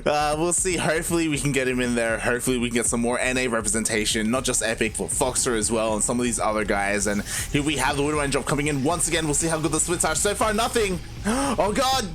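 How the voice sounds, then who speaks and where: A man's voice: mid-range voice, fast talker, hardly any pauses, a bit bright, slight background noise. A man giving casual, conversational live commentary on a game in an informal way. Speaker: esports commentator.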